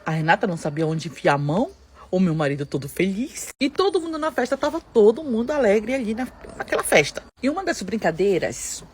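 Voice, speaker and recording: A woman's voice: mid-range voice, fairly quick, a little hiss or hum. A woman with a Brazilian Portuguese accent telling a dramatic first-person story and often speaking straight to her listeners. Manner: animated, addresses listeners directly.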